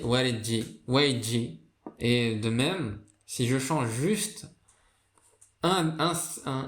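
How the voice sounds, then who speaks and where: Man, mid pitch, casual explainer, lots of fillers and restarts, echoey room. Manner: hesitant, many fillers and restarts. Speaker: video creator explaining a writing system. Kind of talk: casual spoken lesson. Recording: roomy echo.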